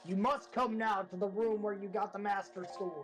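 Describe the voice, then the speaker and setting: A woman's voice: mid-range voice, fairly even intonation, moderate pace, close to an everyday voice. A woman voicing a stern regal figure speaking through a magic stone, formal and imperious in a video game read-aloud. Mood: commanding, indignant. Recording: game music behind the voice.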